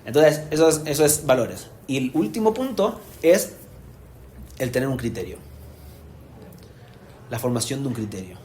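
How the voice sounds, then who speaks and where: Un hombre de acento enseña como rabino ante padres, con voz de altura media y un tono explicativo y vivo, sobre un leve murmullo de sala. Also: male voice, medium pitch, moderate pace, long pauses, a little hiss or hum. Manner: animated, explanatory, asks "¿se entiende?" often. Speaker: rabbi teaching parents. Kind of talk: live lecture to an audience. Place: community hall with an audience.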